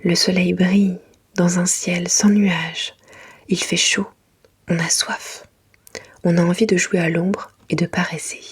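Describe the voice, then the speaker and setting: A woman reading a children's storybook in a hushed, breathy library whisper, in a soft ASMR style. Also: lowish voice, level tone, a little slow. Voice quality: breathy, unvoiced.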